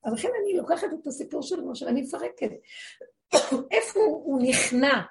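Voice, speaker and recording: A spiritual teacher with a high-pitched, expressive voice gives a religious lesson, peppering her explanation with rhetorical questions to listeners and acting out the voices of those she quotes.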